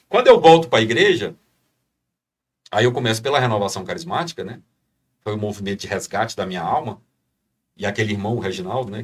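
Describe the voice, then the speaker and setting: A man from Brazil gives his conversion testimony on a podcast in a fervent, preacher-like way. He keeps tagging his phrases with a quick question. His voice sits a little distant from the microphone. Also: mid-range voice. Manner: fervent, preacher-like, many "né?" tags. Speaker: podcast guest.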